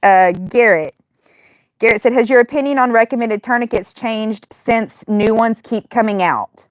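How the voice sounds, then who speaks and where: A woman's voice: fairly high pitch, moderate pace, no echo. Chatty laughing woman host, dry sound. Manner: chatty, laughs often, many fillers and restarts. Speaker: livestream host and firearms medical instructor. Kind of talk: casual livestream Q&A.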